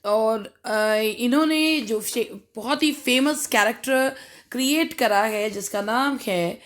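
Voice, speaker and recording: A woman's voice: on the high side, takes it slowly. An Indian woman teaching English literature for an exam, reading each question aloud and then explaining it with frequent fillers. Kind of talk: exam-prep lecture.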